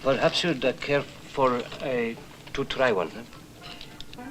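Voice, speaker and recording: A man's voice: mid-range voice, fairly bright tone, low-quality recording. Give me a polite salesman who stumbles over his words. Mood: eager polite. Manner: hesitant, halting, overly polite. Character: fawning Turkish tobacco salesman, polite and eager. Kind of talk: film acting. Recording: film soundtrack with music.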